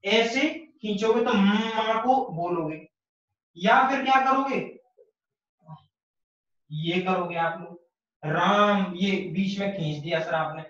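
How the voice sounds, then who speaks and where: A man's voice: high voice, lively intonation, slow, long pauses, fairly bright tone. A man teaching an online Hindi grammar lesson, explaining patiently, repeating key phrases and answering his own questions. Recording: distant, dull, very echoey room.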